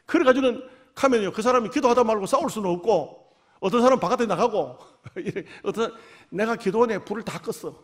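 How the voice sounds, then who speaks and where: In a church, a pastor preaches a revival sermon in a high-pitched, fast voice, telling lively stories and acting out voices. He swings from shouts to near whispers and has a slight cold.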